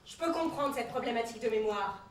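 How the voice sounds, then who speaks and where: A haughty Marianne, the Republic in person, lectures her citizens with biting condescension, played by a woman. The voice sits high and is heard from a distance in a roomy, echoing space. Faint noise hums underneath. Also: lively intonation, a little fast, close to an everyday voice. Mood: mocking. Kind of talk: comedy sketch.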